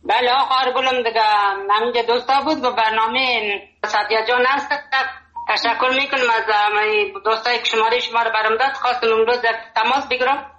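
A man's voice: extremely high pitch, steady tone, sharp tone. A man from Kabul with a Kabuli Dari accent, calling a radio phone-in and speaking politely in a flowery way, full of fillers. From Kabul, Afghanistan. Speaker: radio caller. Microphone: phone line into a radio studio. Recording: lo-fi roomy phone line.

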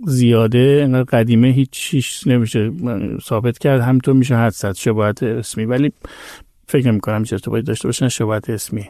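Mellow-voiced man explaining, dry close sound. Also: medium pitch, steady tone, dry recording. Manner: measured, explanatory, hedges and corrects himself. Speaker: podcast guest, expert on history. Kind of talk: casual podcast chat.

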